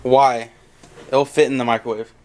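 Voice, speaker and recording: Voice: medium pitch, level tone, moderate pace, a little mellow, slight background noise. A vlogger chatting casually and trading playful, argumentative banter. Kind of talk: casual vlog chat.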